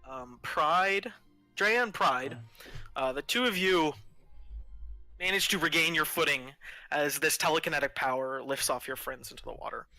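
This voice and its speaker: Bright-voiced male game master. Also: fairly high pitch, no echo, rough recording. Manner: casual narration with fillers and quick asides. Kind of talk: narrating a tabletop game.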